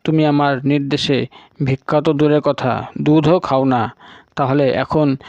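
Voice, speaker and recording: A man's voice: mid-range voice, fairly even intonation, measured pace, darkish tone, no echo, close to an everyday voice. A man voicing a stern old male teacher who is strict but caring, speaking in a firm, commanding way. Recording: dull lo-fi recording.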